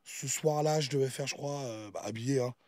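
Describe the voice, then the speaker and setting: Host man, fast and mellow, animated and boastful. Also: mid-range voice, no room sound, studio quality. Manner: boastful, animated, talks over others. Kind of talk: casual chat.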